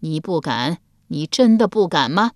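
A cold, commanding old empress dowager, as a woman reader puts her on, low-voiced and dry. She swings from icy scorn to lively, pointed scolding, every word weighing heavily. Close, dry audiobook sound with no room around it. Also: unhurried, dry recording. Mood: imperious. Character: stern, shrewd elderly grand empress dowager.

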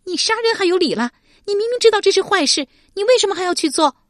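A woman voicing an angry young swordswoman in a storybook reading, sharp and loud. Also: very high voice, animated, quick pace, dry recording, clean studio sound, pitched above the performer's own voice. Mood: furious. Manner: sharp, shouting in anger.

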